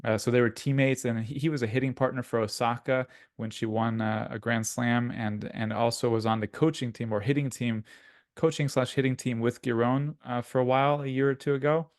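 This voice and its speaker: A man co-hosts a casual podcast chat at a middle pitch. He rambles, circling back with restarts and filler words. The recording is dry and close, with no room sound. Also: steady tone, brisk, dry recording. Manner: rambling, many restarts and likes. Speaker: podcast co-host.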